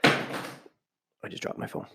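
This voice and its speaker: Recorded in a home room, not a studio, with plenty of background noise, this podcast host speaks at a slow pace. His voice is congested from a cold as he reads from a book and then drifts into offhand asides.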